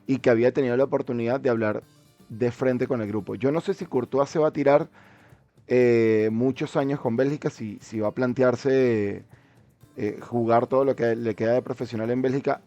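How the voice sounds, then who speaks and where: A man's voice: mid-range voice, moderate pace, dark tone, no echo, highs cut off, faint music behind. A man in a casual football discussion, speaking as a commentator in a hesitant way, often repeating words mid-sentence.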